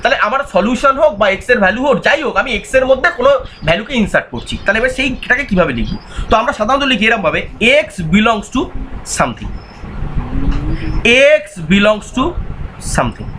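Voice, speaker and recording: High, bright-voiced math teacher. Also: male voice, slight background noise. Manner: repetitive, quizzing, voices imagined student answers. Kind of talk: recorded online exam-prep lecture.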